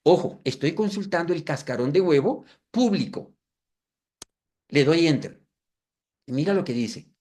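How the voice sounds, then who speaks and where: Lively man in his fifties lecturing. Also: on the high side, a little slow, long pauses. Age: 50s. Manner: lively, asks the audience rhetorical questions; self-deprecating, apologetic asides. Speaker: webinar presenter. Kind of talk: live lecture with demonstration.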